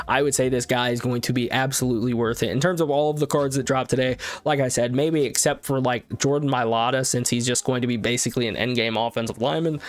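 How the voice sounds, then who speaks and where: A man giving casual commentary on video game cards, reading off long lists of stats and abilities with frequent fillers. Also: mid-range voice. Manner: rapid list-reading with fillers and restarts. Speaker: gaming YouTuber reviewing cards.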